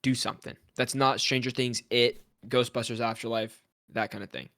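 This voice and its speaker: A man co-hosting a casual film podcast, chatting in an animated, jokey way about movie news. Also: mid-range voice, moderate pace. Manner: animated, jokey, swings into bits and mock voices. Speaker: podcast co-host. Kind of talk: casual chat.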